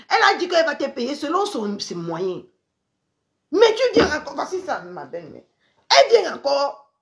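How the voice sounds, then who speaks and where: Agitated woman ranting with wide swings. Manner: agitated, exclaiming, repeating herself, swinging between loud outbursts and low mutters. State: upset and angry. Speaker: social media livestreamer. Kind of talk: indignant Facebook live rant.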